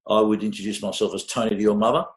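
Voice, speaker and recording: A man's voice: fairly low pitch, steady tone, very fast. An Australian man in his fifties, a podcast guest telling stories in a rambling, hesitant way, with lots of fillers and casual swearing. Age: 50s. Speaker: podcast guest, music mastering engineer. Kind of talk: casual conversational interview. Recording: echoey room sound.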